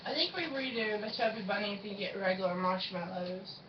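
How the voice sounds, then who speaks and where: A woman's voice: medium pitch, fairly quick. A woman co-hosting a casual challenge vlog, bantering in a playful, teasing, informal way. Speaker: co-host of a challenge video. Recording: roomy, distant, muffled with clear noise.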